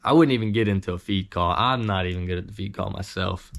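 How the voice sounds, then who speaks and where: A man giving an informal instructional talk as an amateur hunter, modest and halting in how he explains things. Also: low-pitched, vocal fry. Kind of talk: casual instructional talk with demonstrations.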